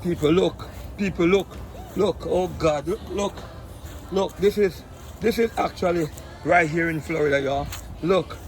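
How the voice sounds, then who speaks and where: A man from Jamaica with a Jamaican accent, giving an excited walking-tour vlog outdoors among fruit trees. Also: fairly high pitch. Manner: exclamatory, excited, keeps repeating "look at this". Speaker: vlogger.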